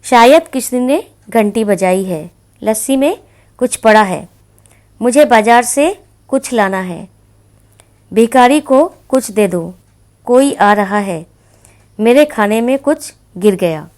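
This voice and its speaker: A woman's voice: on the high side, expressive, slow, pauses often, a little mellow. A woman teacher giving a grammar lesson to children, patiently explaining with many repeated examples. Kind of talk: classroom-style grammar lesson.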